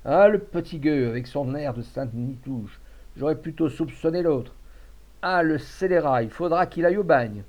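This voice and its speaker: A man doing a shrill old miser, high and grasping. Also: sing-song, normal speed, mellow. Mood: triumphant. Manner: agitated, accusing. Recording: dull lo-fi recording.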